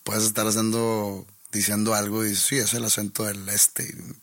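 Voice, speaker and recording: Low gravelly northern Mexican man. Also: flat delivery, moderate pace, fairly bright tone, no echo, clean studio sound. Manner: joking, teasing, prone to laughing. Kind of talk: casual chat between friends.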